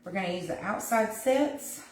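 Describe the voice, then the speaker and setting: A craft host with a Southern US accent from North Carolina runs a live tutorial, chatting with viewers as she gives step-by-step instructions. Her mid-range voice is expressive at a moderate pace, and the sound is roomy.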